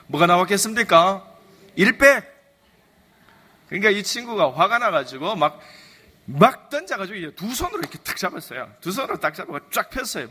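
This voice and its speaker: Man, pastor, sermon, rhetorical questions to the congregation, bright tone, reverberant hall. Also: high voice. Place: church sanctuary.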